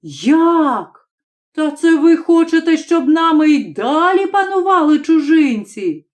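A woman reading an audiobook, voicing a hot-tempered male nationalist passenger who bursts into indignant shouting. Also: a little high, takes it slowly. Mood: furious.

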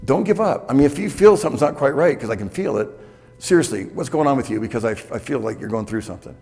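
A man's voice: medium pitch, lively intonation, fast, gravelly, warm tone. A man in his sixties giving a candid, conversational keynote talk to a conference audience, often checking in with "okay?", on a lapel mic. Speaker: keynote speaker. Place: hotel conference room with audience. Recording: reverberant conference hall.

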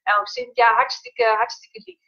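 Halting Dutch woman on lo-fi stream. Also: a little high, steady tone, bright, forceful tone, husky. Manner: halting, many fillers and restarts. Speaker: livestream host, coach. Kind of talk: casual live-stream chat. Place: at home. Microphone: laptop. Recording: dull lo-fi laptop audio.

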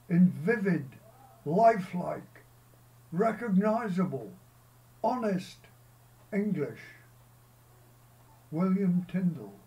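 An older man from Scotland leading a church service, delivering prayers and a short sermon in a solemn, measured way, recorded by a far camera outdoors in a field. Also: high voice, mellow.

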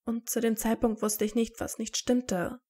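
A woman's voice: a little high, flat delivery, a little slow, mellow. A woman reading aloud and voicing a tired teenage boy wizard who talks dryly and sarcastically. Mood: wry, tired. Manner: dry and sarcastic.

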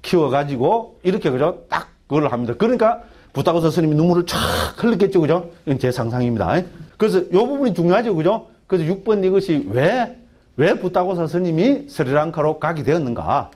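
A man, a Buddhist monk, giving a lively dharma lecture in a Gyeongsang dialect, often asking his listeners for agreement. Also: a little high, a little fast. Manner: keeps asking the audience for agreement, animated and colloquial. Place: temple education hall.

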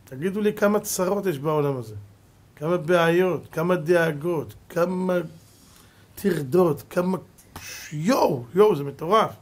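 A man with a high, husky voice gives a Torah lesson. He preaches with force, jumping from loud bursts to soft asides. He teaches through stories. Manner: emphatic preaching with sudden loud and soft swings; storytelling with acted quotes. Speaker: rabbi.

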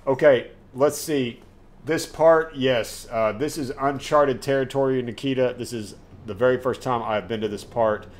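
A man streaming a game live from his desk at home. He talks straight to his chat, gets worked up easily and swears. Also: medium pitch. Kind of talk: live gameplay commentary chatting with viewers.

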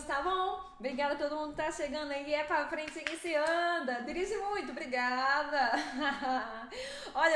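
Young Brazilian woman, very high voice, rapid chatty game streaming, laughing often, roomy echo. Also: slight background noise. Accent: Brazilian Portuguese. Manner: lively, fast-talking, laughs often. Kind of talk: live stream chat with viewers.

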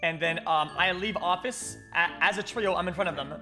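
A man explaining quickly over group voice chat during an online game. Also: high-pitched, sharp tone, soft background music. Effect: heard over group voice chat in an online game. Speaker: game player. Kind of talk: casual gaming banter.

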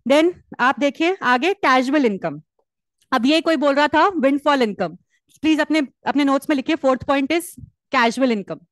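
A woman lectures a class in a high, bright voice, teasing and joking as she explains. The sound is dry and close, with no room echo. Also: moderate pace. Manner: lively, teasing, mixes Hindi and English. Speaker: teacher.

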